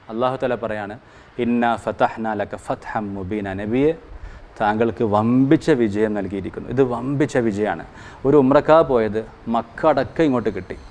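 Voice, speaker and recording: A man teaching a Qur'an commentary class in an earnest, explanatory way. His pitch sits in the middle of the range for a man. He slows down to chant Arabic verses, then goes back to plain talk, and stops to correct his own slips. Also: darkish tone.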